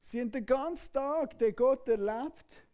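A man preaching a sermon. He retells a story dramatically, moving between loud outbursts and hushed passages. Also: extremely high pitch, unhurried, smooth.

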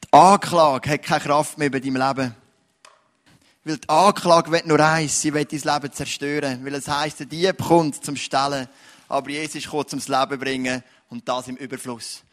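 Swiss German man preaching, high-pitched, earnest, building to emphatic points. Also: fairly even intonation, normal speed. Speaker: pastor. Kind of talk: sermon.

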